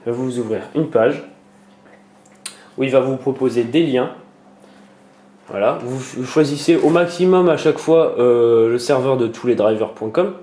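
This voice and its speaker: A man walks viewers through a computer tutorial, stopping often for fillers and restarts. His voice is mellow and dark, at a middle pitch. The room around him echoes, with a faint hiss underneath. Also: moderate pace, pauses often. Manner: hesitant, many fillers and restarts. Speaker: tutorial maker. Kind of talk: screen-recorded computer tutorial.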